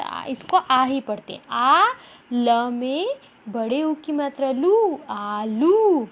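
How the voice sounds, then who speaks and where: A woman's voice: sits high, lo-fi sound. A woman teaching a children's reading lesson, stretching out syllables and repeating each word for the child to copy. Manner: drawn-out syllables, repeating words aloud for children.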